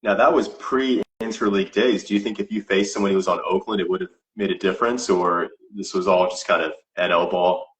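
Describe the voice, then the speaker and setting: Low-voiced relaxed podcast host. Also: male voice, brisk, few pauses, low-quality recording. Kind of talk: casual interview.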